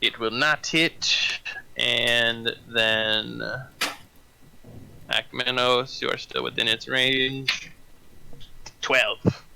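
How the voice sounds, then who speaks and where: A man's voice: mid-range voice, fairly even intonation, very slow, gravelly, pauses often, sharp tone, a little hiss or hum, low-quality recording. A man running a tabletop fantasy game as game master, narrating scenes and calling out rolls.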